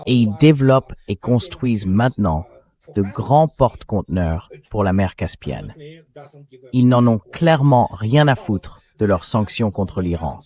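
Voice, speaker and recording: A man with a lowish, dark-toned voice reads a translated voice-over for an interview guest discussing politics and the military. He's very animated yet measured in pace, sounding blunt, scornful and conversational.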